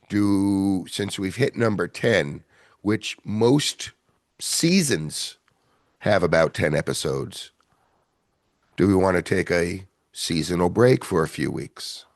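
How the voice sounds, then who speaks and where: Deep gravelly guy rambling on a podcast, dry sound. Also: slow, pauses often, dry recording. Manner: rambling, self-deprecating, chuckling. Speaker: podcast host. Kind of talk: casual podcast chat.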